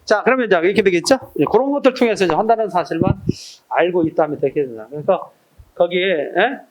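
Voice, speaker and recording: A male exam-prep teacher lecturing a live class, quizzing students with short questions, his throat irritated and often cleared. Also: high voice, lively intonation, fast talker, slight background noise.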